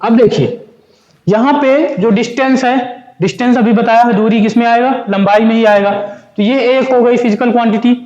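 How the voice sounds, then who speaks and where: A high-pitched male teacher gives a physics lecture, asking his students questions and answering them himself. The sound echoes in the room, and the recording is dull and lo-fi. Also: steady tone, normal speed, darkish tone. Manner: explains step by step, asks and answers his own questions; mixes Hindi and English terms. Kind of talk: classroom lecture.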